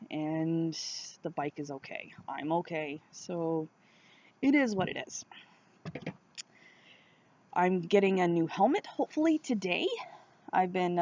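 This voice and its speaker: A woman's voice: fairly low pitch, darkish tone. Woman vlogging, dull lo-fi sound. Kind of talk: casual vlog monologue. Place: outdoors on a windy day. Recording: dull, lo-fi outdoor recording.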